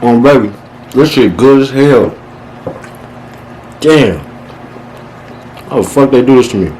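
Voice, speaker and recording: A man's voice: medium pitch, expressive, slow pace, a little mellow, slight background noise, poor audio. A man hosting a casual eating show, talking with his mouth busy in a playful, exaggerated, slangy and profane way. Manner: talks while eating. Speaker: vlogger hosting a mukbang.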